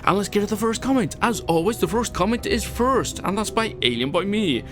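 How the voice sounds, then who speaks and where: A Welsh gaming channel host chats through casual gameplay commentary, poking fun at himself with rambling asides and frequent laughs. His voice is high, expressive and brisk, heard over music.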